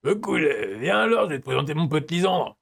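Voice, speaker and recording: A man voicing a brash, teasing teenage boy in a dating game, with a lively, somewhat raised voice. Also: on the high side, fairly quick, vocal fry, full character voice. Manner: cocky, teasing.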